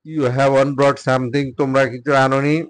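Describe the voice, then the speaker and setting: Man, Bengali speaker, English drill teacher, slow sentence-by-sentence reading, clear smooth voice. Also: medium pitch, flat delivery, no echo. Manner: reads English sentences very slowly, then translates each. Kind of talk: spoken English drill lesson.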